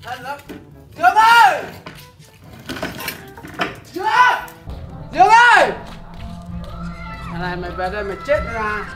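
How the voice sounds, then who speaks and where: Scolding man far off in an echoey yard. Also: extremely high pitch. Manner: loud, scolding, blunt. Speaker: relative and prank target. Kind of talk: heated family argument. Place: outdoor courtyard. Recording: echoey yard, far from the mic, music behind.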